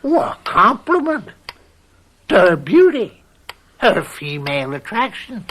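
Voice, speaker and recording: An actor playing a callous, lecherous older uncle in a radio drama, mocking, folksy and blunt in manner. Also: male voice, sits high, big pitch swings, slow, fairly bright tone, heavily acted. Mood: mocking, smug. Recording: old radio recording with faint noise.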